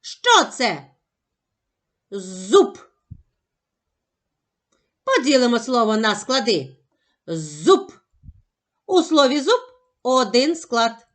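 A woman teaching a phonics lesson to young children, sounding out syllables slowly and carefully. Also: on the high side, fairly bright tone. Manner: slow, careful, over-articulated sounding out of syllables.

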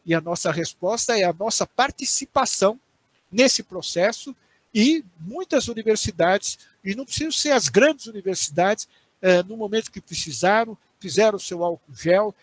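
A man's voice: high-pitched, no room sound. Older Brazilian man lecturing by video call. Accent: Brazilian Portuguese. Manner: explanatory, tags phrases with "certo?" and "né?", frequent restarts. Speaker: university professor giving a guest lecture. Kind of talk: online lecture answering audience questions. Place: small home study with bookshelves, indoors. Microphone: headset on a video call.

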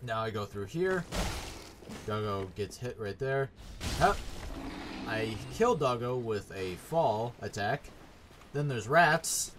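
A man's voice: mid-range voice, background noise. A man giving sarcastic, frustrated let's play commentary while playing a game, swearing often. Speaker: gaming YouTuber.

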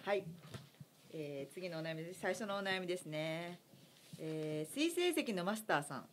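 A woman co-hosting a radio chat show who reads listener letters and is playful and quick to laugh. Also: lowish voice, animated. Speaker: co-host reading listener letters.

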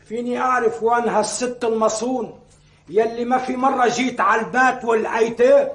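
An actor playing a jealous, short-tempered husband with a Lebanese accent, bickering and demanding. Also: male voice, very high-pitched, steady tone, fairly quick, fairly bright tone, roomy sound. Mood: irritable. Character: quick-tempered jealous husband, middle-aged man. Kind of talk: sitcom acting.

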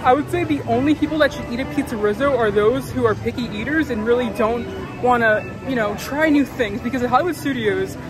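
Outdoors at a theme park, a young man reviews food in a casual vlog, talking frankly and chattily with plenty of "like" and "literally." His very high-pitched voice moves a little fast. Music plays beneath him.

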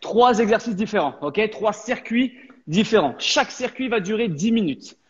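A man's voice: high-pitched, normal speed, breathy edge. A man coaching a live workout session, explaining exercises with energy, from an empty gym. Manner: energetic, counts down reps. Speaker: fitness coach. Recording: echoey, dull hall sound.

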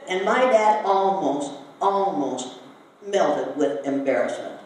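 A woman's voice: fairly low pitch, animated, slow pace, a little mellow. An older woman from Iowa, telling a story to a live audience and asking them questions. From Iowa, United States. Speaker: speaker giving a talk. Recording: very echoey hall, voice from a distance, faint noise.

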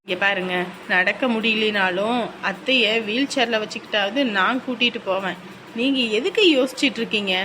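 A woman's voice: mid-range voice, normal speed, sharp tone, a little hiss or hum, natural voice, poor audio. A woman playing a caring daughter-in-law who reassures her husband in a comic sketch. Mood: reassuring.

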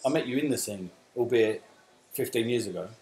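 A man's voice: medium pitch, fairly quick, darkish tone, echoey room, a little hiss or hum, poor audio. Chatty South London man hosting. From England. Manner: chatty, reads out viewer comments. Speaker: host. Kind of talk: casual live Q&A chat.

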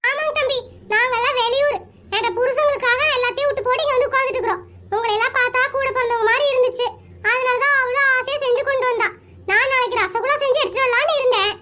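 A woman's voice: very high voice, pushed and bright. A woman voicing Muppatha, a chatty, nosy village woman neighbor in a comic Tamil cartoon, coaxing and drawing out her words. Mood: pleading.

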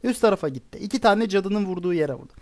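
A man talks his way through a strategy game attack, planning each move out loud. His voice sits high, and his chatty commentary often turns into exasperated grumbling. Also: animated, fast. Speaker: gaming YouTuber.

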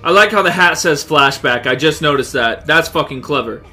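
A man commenting on his gameplay, joking and swearing, with loud outbursts. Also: fairly high pitch, expressive, normal speed, soft background music. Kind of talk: let's play commentary.

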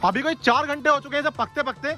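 This male food vlogger speaks fast in a very high, bright, forceful voice, with music faintly behind him. Walking through an outdoor factory, he narrates with enthusiasm, addresses viewers as guys, and fires questions at the workers.

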